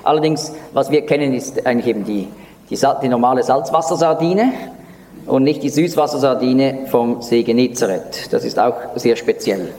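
A man at medium pitch delivers Bible teaching in a large hall, and the long reverb trails after his words. He lifts his voice for emphasis and sinks low and quiet when quoting a dialogue. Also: normal speed, a little hiss or hum. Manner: expressive, lively pitch for emphasis.

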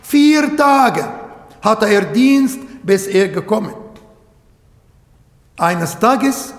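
A man preaching a sermon in an earnest, emphatic way with many pauses. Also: high-pitched, animated. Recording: echoey hall with long reverb.

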